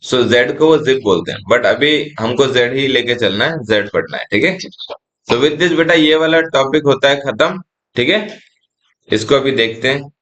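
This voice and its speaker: A young man with an Indian English accent teaching phonics in a classroom style, spelling out letters and sounds slowly and calling his learners "beta". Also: medium pitch, expressive, a bit bright.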